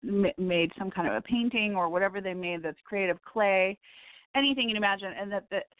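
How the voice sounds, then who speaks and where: Speaking briskly at a medium pitch, this psychic reader hosts her spiritual call-in program in a hoarse, scratchy voice, rambling warmly with small laughs and frequent restarts. A tinny phone connection makes her sound dry and close, with no room sound at all.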